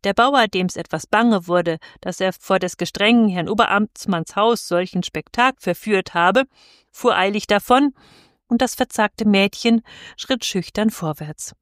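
A woman calmly reading a classic children's story aloud as narrator, in a measured storytelling manner. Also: mid-range voice, no echo, clean studio sound.

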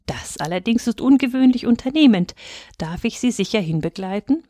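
A woman's voice: a little high, animated, moderate pace, warm tone, dry recording. A woman voicing a polite young Englishman who speaks formal, careful German in a storybook reading. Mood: courteous.

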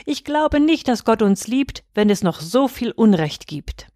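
A woman's voice: on the high side, very animated, measured pace, warm tone, dry recording. A woman speaks as a poor, angry master shepherd in a rhymed Christmas tale. He is indignant and bitter, railing against the rich. The recording is dry and close-miked. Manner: indignant, rises into complaint.

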